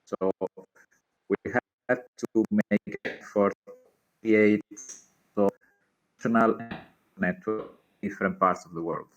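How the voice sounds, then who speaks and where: A man speaking on a panel from a remote video link, his audio stuttering, freezing and dropping out in places. He talks slowly in a somewhat low voice, pausing often and filling the gaps with ums and uhs. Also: steady tone, dull audio, faint music behind. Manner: halting, with many fillers. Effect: choppy video-call audio that freezes and breaks up. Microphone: video call.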